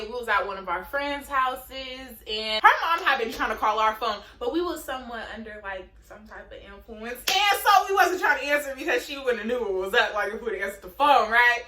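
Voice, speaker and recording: A woman's voice: fairly high pitch, sharp tone. A young woman telling a story to her viewers in a chatty, slangy, casual way. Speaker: vlogger. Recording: roomy echo.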